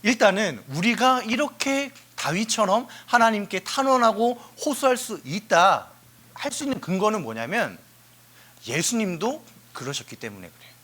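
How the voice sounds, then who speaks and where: Brief: young male youth preacher, bright, tense voice, pitch leaping all over, cries out then drops to a near whisper, keeps asking the room questions. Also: normal speed. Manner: animated, swings from loud cries to hushed asides; asks the listeners questions and answers them. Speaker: preacher at a youth worship service. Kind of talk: lively youth sermon with acted prayers.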